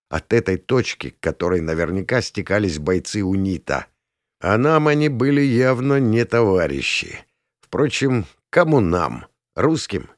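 Low-voiced guy narrating a book, calm and measured, dry sound. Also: dry recording. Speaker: audiobook narrator. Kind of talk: first-person novel narration.

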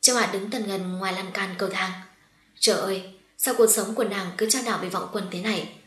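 A woman's voice: mid-range voice, a little fast. Woman narrating a story in an echoey room. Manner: steady storytelling. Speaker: audiobook narrator. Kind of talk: scripted narration of a romance novel.

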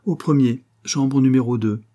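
Man voicing a concierge, curt, matter-of-fact, dark tone, husky. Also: mid-range voice, normal speed, voice pushed up, lightly acted. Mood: brisk. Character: bespectacled male concierge, brisk and helpful.

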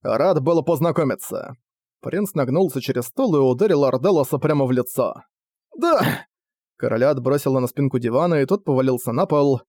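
A man's voice: mid-range voice, quick pace, few pauses, mellow, dry recording. A man narrating an audiobook dramatically and expressively, close to a studio mic. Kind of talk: audiobook reading.

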